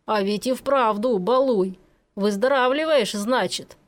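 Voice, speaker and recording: A woman voicing a gruff, burly older male forest robber who grumbles and scolds slowly in an audiobook. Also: fairly high pitch, natural voice. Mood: grumbling. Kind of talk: audiobook character reading.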